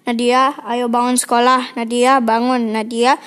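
A girl playing a nagging mother, scolding, high voice, storybook reading. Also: little pitch movement, unhurried, fairly bright tone. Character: nagging mother waking her daughter.

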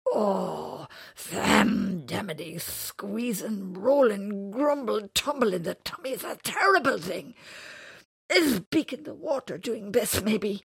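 A woman voicing a big, gentle male creature with a beak who talks in odd, muddled grammar, loud and drawn-out. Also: deep voice, sing-song, creaky, breathy edge, dry recording, heavily acted. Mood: worried.

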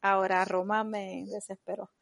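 A woman, a podcast guest chatting in an animated way and laughing easily. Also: mid-range voice, moderate pace, gravelly. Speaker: podcast guest, actress and comedian. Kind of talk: casual podcast chat.

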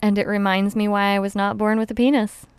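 A woman's voice: mid-range voice, little pitch movement, brisk, clean tone, no room sound. A woman hosting a casual podcast who teaches rope classes, explaining step by step and laughing easily. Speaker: podcast host and rope bondage instructor.

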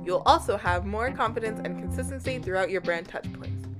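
A woman narrates a scripted promotional spot. Her voice sits at a medium pitch, with music clearly playing behind her announcer read. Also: brisk. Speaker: advert announcer.

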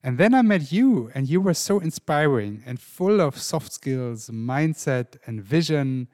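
A man from Germany, a guest and co-author, telling his story at a measured pace in a podcast conversation. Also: a little high, animated, darkish tone, dry recording, clean studio sound.

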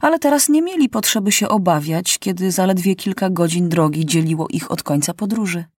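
A woman narrating an audiobook in a steady, measured manner. Her voice sits lower than most women's. The recording is dry with no room sound. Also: slightly rough, dry recording. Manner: measured storytelling.

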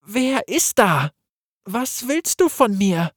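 A scared young man, as a male storyteller puts him on, pitched well above the reader's own voice and pleading. The delivery is slow and tight with fear, recorded close and dry. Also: animated, no room sound. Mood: frightened. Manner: anxious, pleading. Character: frightened young man, wounded and desperate.

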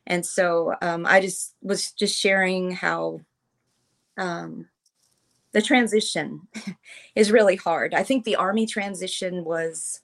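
Earnest woman in her fifties, halting. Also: on the low side, steady tone, vocal fry, a bit bright. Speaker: podcast guest, military veteran. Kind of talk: personal storytelling in conversation.

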